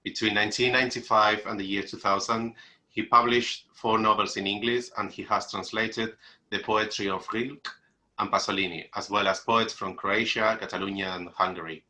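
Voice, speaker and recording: On a remote video call, a man with a lowish, sharp-toned voice hosts an online literary event at a moderate pace and fairly even intonation. He introduces guests and puts questions to them hesitantly, often repeating and rephrasing himself as he gropes for the right words.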